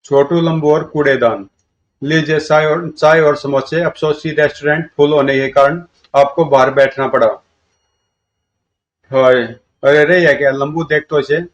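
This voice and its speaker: A man reading a comic story aloud and voicing all of its characters in a lively way. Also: on the high side, moderate pace. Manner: lively, shifts between characters' lines. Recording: dull lo-fi recording.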